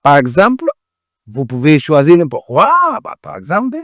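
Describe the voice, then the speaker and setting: A man from Ghana teaching a language class, repeating each word slowly and carefully to drill pronunciation. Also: a little high, wildly swooping pitch, a bit bright, no room sound, clean studio sound. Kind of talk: pronunciation lesson.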